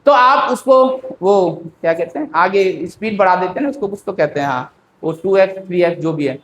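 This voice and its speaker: Slow-talking male teacher in an echoey room. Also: high voice, a bit bright, a little hiss or hum. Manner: chatty, repeats tag questions, calls listeners "beta"; speaks slowly by habit. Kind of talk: casual exam-prep lecture. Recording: roomy echo.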